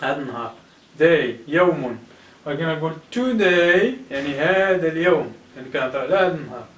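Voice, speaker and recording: A man's voice: fairly high pitch, lively intonation, a bit bright, roomy sound, distant mic, poor audio. A man with a Moroccan Arabic accent teaching a beginner English lesson, stretching out each model word and repeating it for learners. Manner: slow, drawn-out model words repeated for learners.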